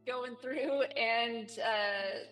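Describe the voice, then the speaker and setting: A woman's voice: fairly high pitch, drawn-out words, fairly bright tone, distant mic, soft background music. A woman co-hosting a casual live stream, bubbly and giggly as she tells stories. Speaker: stream co-host.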